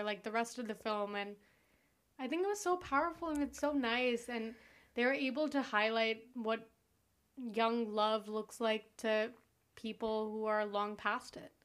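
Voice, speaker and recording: A woman co-hosting a film podcast, talking quickly and enthusiastically in casual chat. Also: on the high side, fairly bright tone, clear, resonant tone. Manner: quick, enthusiastic, laughs often. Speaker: podcast co-host.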